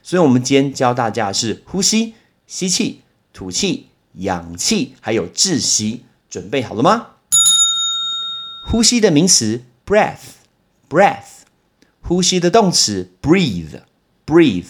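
Male podcast teacher, Taiwanese Mandarin accent, casual lesson, lively storyteller who drags out and repeats key words. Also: medium pitch, breathy edge. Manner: slows down to repeat and spell English words. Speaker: English teacher and podcast host. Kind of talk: casual vocabulary lesson with anecdotes.

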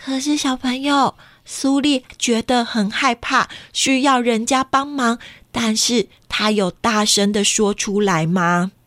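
Woman, children's storyteller, picture-book read-aloud, animated, asks kids questions, high voice, dry close sound. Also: slow pace, no room sound.

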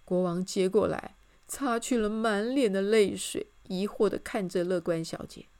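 A woman's voice: medium pitch, normal speed, clear, resonant tone. A woman narrating a children's story and speaking to young listeners. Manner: warm, expressive, addresses children.

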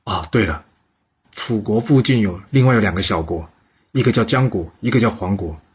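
An ambitious ruler keeps pitching ideas and asking questions, as a man puts him on. His voice is husky and fairly low. The recording has a dull, lo-fi sound. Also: animated, normal speed. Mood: eager. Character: ambitious, eager male ruler.

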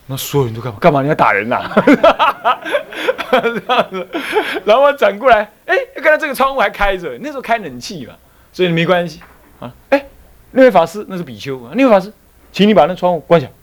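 A man's voice: high-pitched, fast. A man, a Buddhist monk and abbot, giving a dharma lecture, telling anecdotes with emphasis and frequent chuckles. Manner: animated storytelling, emphatic, chuckles often.

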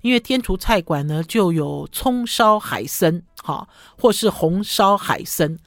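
A woman's voice: on the low side, expressive, measured pace, no room sound, clean studio sound. A woman hosting a radio food show, talking casually and tagging her phrases with a short "ha". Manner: chatty, ends phrases with a short "ha".

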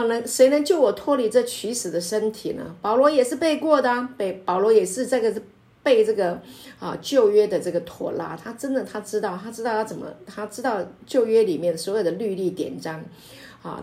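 Animated woman pastor leading Bible study. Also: mid-range voice, fairly quick, gravelly. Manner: emphatic, animated, many filler sounds; laughs often while explaining.

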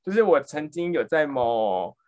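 A man's voice: on the high side, big pitch swings, unhurried, darkish tone. A man telling a funny story in a casual podcast chat, laughing often and switching into English phrases. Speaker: podcast guest.

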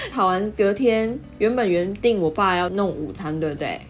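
Lively Taiwanese woman telling stories. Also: mid-range voice, a little slow, soft background music. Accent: Taiwanese Mandarin. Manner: animated storyteller who acts out family quotes, laughing often. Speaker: podcast co-host. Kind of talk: casual chat.

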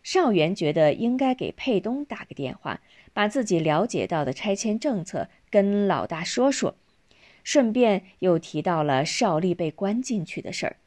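A woman narrates an audiobook serial in an even, storytelling manner. Her pitch moves freely with lively intonation. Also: moderate pace.

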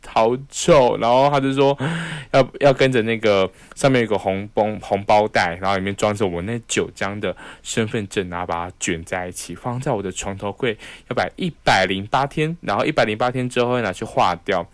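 A man's voice: lowish voice, a little fast, few pauses, no echo. A young man with a Taiwanese Mandarin accent, casually telling a personal story on a podcast and acting out the voices he quotes. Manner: animated, acts out quoted voices. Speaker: podcast host.

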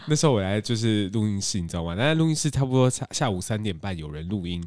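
Fast, lively man. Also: on the low side, no echo, studio quality. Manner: animated storyteller, laughs often, repeats himself. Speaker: podcast host and street tour guide. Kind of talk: casual podcast chat.

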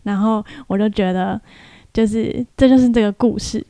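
A woman's voice: mid-range voice, moderate pace, mellow, no echo. A young woman hosts a podcast, telling a story in a casual, chatty way and mimicking other people's voices in quoted lines. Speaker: podcast host.

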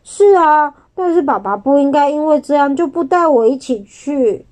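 A proud, stubborn storybook youngster who insists on being right, as a woman reads the part. Slightly high and a bit louder than the narration, with a firm, indignant push. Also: lively intonation, moderate pace. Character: proud, stubborn storybook child with an older brother.

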